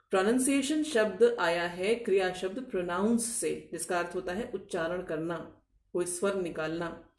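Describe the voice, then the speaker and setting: A woman's voice: mid-range voice, a little mellow, distant mic. Woman, English teacher, patient explainer who quizzes back key words, recorded a bit off-mic in a roomy space. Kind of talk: scripted video lecture. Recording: echoey room, voice off-mic.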